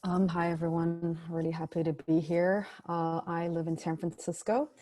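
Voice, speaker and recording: A woman's voice: lowish voice, little pitch movement, moderate pace, mellow, no room sound. A woman from Israel introducing herself in a friendly, thoughtful way. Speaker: participant. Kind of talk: personal introduction.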